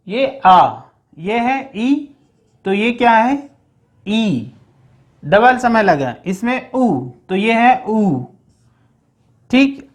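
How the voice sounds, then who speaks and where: A teacher working through a grammar lesson at a steady, mid-range pitch. The voice keeps posing questions to the students and then answering them. Short reminders to remember each point come up again and again. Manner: repeats check-ins like "okay, remember this". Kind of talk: explaining grammar in a recorded lesson.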